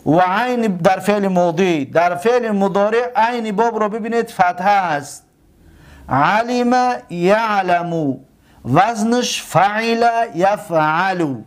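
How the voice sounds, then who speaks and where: High-voiced man teaching grammar. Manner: slow, drawn-out repetition of word forms. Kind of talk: grammar lesson.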